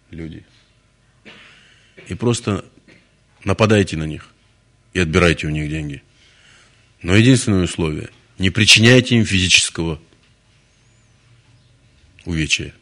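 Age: over 90. Figure: frail old guru, put on by a male lecturer. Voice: low, gravelly. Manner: earnest, measured instructions. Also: fairly bright tone.

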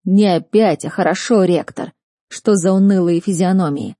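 A woman's voice: on the low side, moderate pace, warm tone, no room sound, clean studio sound, lightly acted. A woman reading an audiobook, voicing a stern, furious male academy rector who barks and scolds. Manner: barking, scolding.

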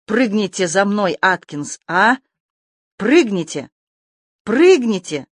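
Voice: medium pitch, very animated, takes it slowly, no echo, clean studio sound. A reader doing a desperate pleading man. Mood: urgent pleading. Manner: pleading, commanding. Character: desperate man urging a comrade to jump.

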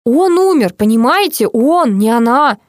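A woman reading the part of a flustered male head doctor who shouts and snaps at times. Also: a little high, moderate pace, no echo, studio quality, close to an everyday voice. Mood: shouting. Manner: shouting, flustered, then curt. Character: agitated middle-aged male head doctor.

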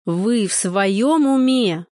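Ворчливый деревенский мужик, женщина читает за него, тянет слова, сухой звук без эха. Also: female voice, mid-range voice, a little slow, dry recording, studio quality, close to an everyday voice. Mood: gruff. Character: gruff rural man, grumpy and blunt.

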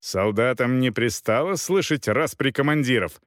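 A man reading aloud, voicing a calm male officer urging quarrelling men to stop. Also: medium pitch, normal speed, dry recording, studio quality, lightly acted. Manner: soothing, urging. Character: calm male officer, peacemaker, restraining others.

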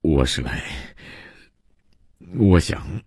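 A man voicing an exhausted young male traveler in a radio story reading, stammering in a breathy half-whisper, near fainting. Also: extremely low pitch, very animated, very slow, a little mellow, no room sound, studio quality, heavily acted. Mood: faltering.

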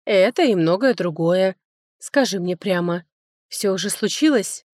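A level-headed elder-sister duchess, voiced by a female audiobook reader, cool and measured, a touch condescending. The voice sits near the reader's own middle pitch, in a dry close recording. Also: animated, a little mellow, dry recording, natural voice. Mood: composed. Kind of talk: audiobook character voicing.

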